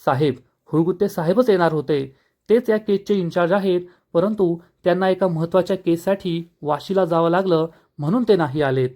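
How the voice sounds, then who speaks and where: A man's voice: sits high, fairly quick, a little mellow, close to an everyday voice. A man voicing a meek, deferential male police inspector who apologizes to an angry powerful man.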